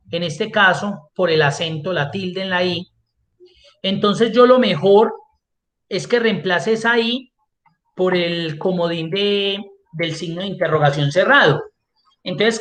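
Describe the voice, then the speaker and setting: A man's voice: sits high, a bit bright. A man teaching an online class as an instructor, explaining step by step and answering his own questions. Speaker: Excel instructor.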